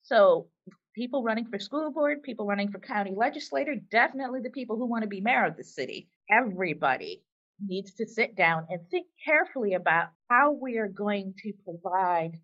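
A woman's voice: medium pitch, a bit bright. Woman from Brooklyn, dull muffled audio. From Brooklyn, New York. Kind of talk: casual panel chat.

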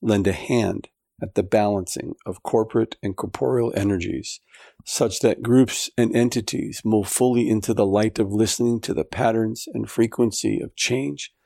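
A man reading as a solemn divine voice that hands down its decree in measured, commanding phrases. The tone sits low and carries a gravelly fry, and the sound is close and dry. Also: fairly even intonation, warm tone, no echo. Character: solemn divine voice issuing commands, genderless spirit. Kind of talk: audiobook reading.

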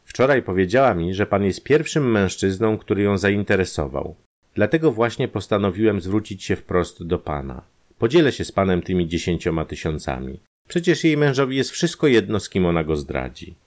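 A man voicing a smooth-talking male private detective, a conman who speaks in an ingratiating, persuasive way. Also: sits low, expressive, moderate pace, voice pushed up.

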